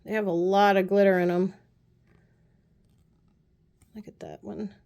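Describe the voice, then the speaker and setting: A woman casually chatting through a nail art haul, gushing and often dropping her voice to soft low asides. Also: level tone, a little slow, gravelly, clear, resonant tone. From United States. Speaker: beauty vlogger. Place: apartment room.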